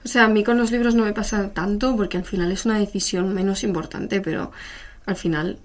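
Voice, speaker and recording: A woman's voice: mid-range voice, a little fast. A young woman co-hosting a podcast, chatting casually and acting out little scenes as she talks. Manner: animated, acts out little scenes. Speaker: podcast co-host. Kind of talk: casual chat.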